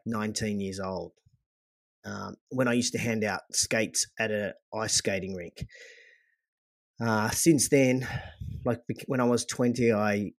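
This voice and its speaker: A middle-aged man from Australia with an Australian accent, a gym owner talking as a podcast guest in a joking, relaxed, rambling way. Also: lowish voice, no room sound, clean studio sound. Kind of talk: casual interview talk.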